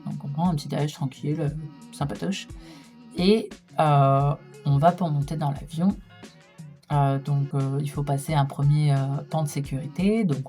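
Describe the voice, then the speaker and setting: A woman's voice: low voice, a little mellow. A young woman telling a casual storytime vlog, chatty and full of hesitation fillers. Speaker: vlogger.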